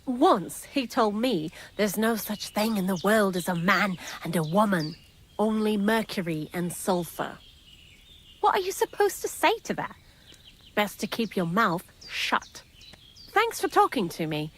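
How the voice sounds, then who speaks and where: A woman's voice: medium pitch, animated, unhurried, a bit bright, slight background noise. An actress voicing a talkative, sardonic young female thief in video game dialogue. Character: chatty, wry young female thief hiding out. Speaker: miller's thief accomplice in a game.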